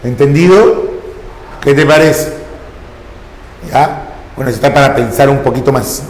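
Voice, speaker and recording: A man's voice: mid-range voice, normal speed. A man teaching a grammar lesson to a class, coaxing students with repeated questions and prompts. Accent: Peruvian Spanish. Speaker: language teacher. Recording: echoey classroom with long reverb.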